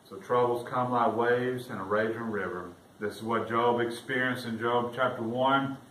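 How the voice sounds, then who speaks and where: Steady in tone and moderate in pace, a man delivers a sermon as pastor, recorded from a distance in an echoey church. He swells louder and higher as he reads scripture aloud. His voice is off-mic amid roomy echo and faint room noise.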